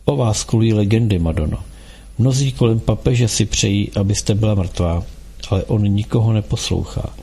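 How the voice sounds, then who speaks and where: A man voicing a wounded, dying cardinal of about forty who speaks quietly and hoarsely, wheezing between words. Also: on the low side. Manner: quiet, weary.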